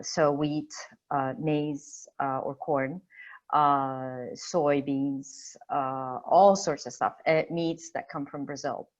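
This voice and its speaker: A woman's voice: low-pitched, dull audio. A woman from Egypt speaking as a panelist in an online discussion, thoughtful and full of fillers and restarts. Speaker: webinar panelist. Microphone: video call.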